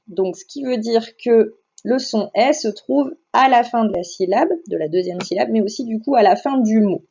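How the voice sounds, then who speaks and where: A woman teaching phonics to young children in a recorded slideshow lesson. She speaks slowly and carefully, stretching each sound so the children can hear it. Her voice is mellow and soft, and the recording sounds a little dull and lo-fi. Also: mid-range voice. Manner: slow, careful, over-articulating sounds and syllables. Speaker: primary school teacher.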